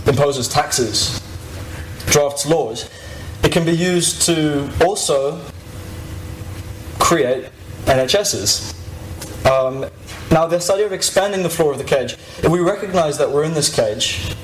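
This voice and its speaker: A man's voice: medium pitch, roomy sound. Young man's informal podium speech, noisy recording. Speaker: activist giving a talk. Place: live event stage before an audience.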